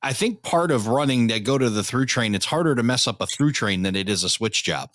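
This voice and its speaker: A man's voice: medium pitch, animated, a little fast, a bit bright, dry recording. A man hosting a hobby podcast in a chatty, easygoing way. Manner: chatty and easygoing, laughs along. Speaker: podcast host. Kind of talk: casual podcast conversation.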